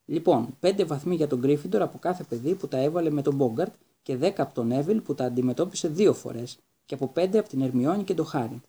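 A cheerful, encouraging middle-aged schoolteacher who calls out brisk instructions and praise to his pupils, as a storybook narrator puts him on. The voice is mellow and warm underneath, with a slightly husky grain. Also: fairly high pitch, expressive.

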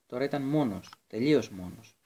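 A man narrating a story as an audiobook, at a middling pitch for a man. He reads steadily, now and then stumbling on a word and starting it again. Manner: steady reading with occasional slips and restarts. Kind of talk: audiobook reading.

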